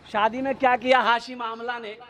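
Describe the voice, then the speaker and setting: A man's voice: extremely high pitch, level tone, moderate pace, fairly bright tone. A male Islamic preacher giving a fervent sermon, firing off rhetorical questions and exclamations and often laughing as he preaches.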